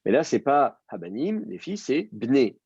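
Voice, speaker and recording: A man's voice: mid-range voice, sing-song, a little slow, gravelly, darkish tone, slightly rough, no echo, lo-fi sound. A man teaching a language class, explaining step by step and quizzing his student. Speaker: Hebrew teacher. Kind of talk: live class instruction.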